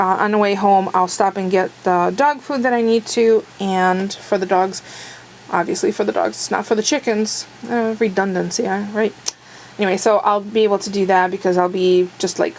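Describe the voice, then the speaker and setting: Chatty lady vlogging her day, mid pitch, bit hoarse from talking, faint hiss behind. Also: fairly even intonation, moderate pace, low-quality recording. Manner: chatty, rambling, self-deprecating. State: losing her voice. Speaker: daily vlogger. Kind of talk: casual chat to camera.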